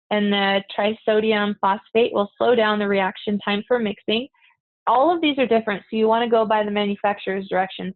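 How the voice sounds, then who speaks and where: A woman's voice: mid-range voice, dry recording. A woman instructor giving a recorded lecture to dental assisting students, practical and direct, calling them "you guys". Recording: tinny phone-like, dry.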